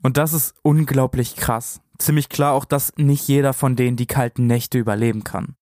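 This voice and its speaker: A man's voice: mid-range voice, fairly even intonation, normal speed, a little mellow, no room sound, studio quality. A man telling stories as a podcast co-host, in a conversational narrating style.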